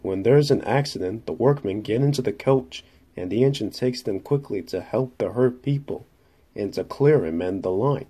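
A man doing a calm engine driver explaining. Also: lowish voice, normal speed, slightly rough.

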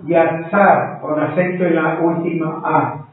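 A man's voice: on the high side, extremely slow. A man teaching a live-streamed Bible class, patiently spelling out words letter by letter and addressing listeners as brothers. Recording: echoey room, distant mic, thin phone-like sound.

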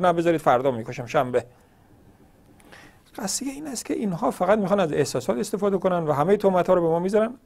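A man hosts a religious call-in program and speaks with a high, lively voice that climbs and drops sharply. He argues with passion and throws out rhetorical questions. He acts out bits of dialogue as he goes. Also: gravelly. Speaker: religious TV host answering callers. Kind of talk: impassioned call-in religious talk.

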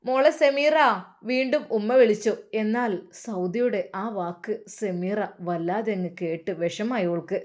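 A woman's voice: mid-range voice, normal speed, hardly any pauses, mellow. A woman narrating a family story in a dramatic, emotive way.

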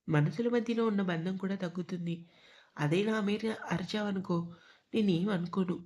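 This is a caring, slightly bossy young man from a spoken love story, read by a woman. He coaxes and teases rather than shouts. The voice stays mellow and unforced. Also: medium pitch, close to an everyday voice. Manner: coaxing, teasing, gently commanding.

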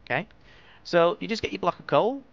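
Quick and animated, a high-pitched Lancashire man rambles through his game-building tutorial with casual, self-deprecating commentary. He's from northwest England, and the dull lo-fi mic picks up clear background noise.

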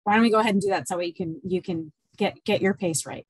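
A woman's voice: mid-range voice, quick pace, breathy edge, dry recording, poor audio. A woman organizing an online session who speaks casually and a little hesitantly over a video call. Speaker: webinar organizer handling screen share.

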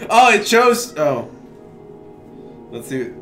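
A man giving casual comedic commentary while playing a video game, excitable, laughing often and swearing freely. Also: fairly high pitch. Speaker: co-host of a game playthrough.

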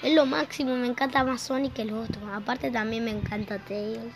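Young Argentine woman from Rosario with a slightly high voice, chatty and offhand, a little coughy after just waking up, recorded on a phone over game music. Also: fairly even intonation, brisk, rough recording. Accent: Argentine Spanish, Rosario. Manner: rambling, chatty, swears offhandedly. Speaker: gameplay streamer. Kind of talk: casual gameplay commentary. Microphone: phone recording app. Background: loud game music.

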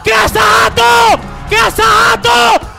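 A man doing explosive live football goal commentary, shouting with drawn-out cries. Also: extremely high pitch, flat delivery, gravelly, faint music behind. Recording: crowd and ambient noise behind. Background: stadium crowd noise.

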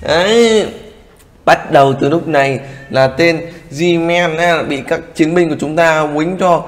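Excitable, high-voiced male video commentator. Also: measured pace. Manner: excitable, exclamatory, addresses viewers constantly. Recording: long reverb with loud background noise.

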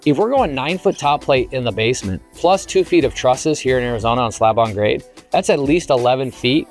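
A man in his thirties talks through a construction site on a lapel mic, earnest and methodical, with the odd filler word as he explains each step. His voice sits at an ordinary middle pitch. Soft music plays faintly underneath. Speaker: home builder. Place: outdoor construction site, basement pit.

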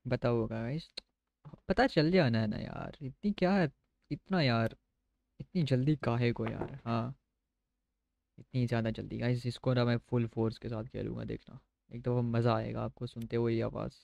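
A man's voice: mid-range voice, fairly even intonation, normal speed, creaky, a little mellow, dry recording, dull audio. A man with a Pakistani Urdu accent chatting casually through live gameplay commentary, mixing in English phrases. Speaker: game streamer.

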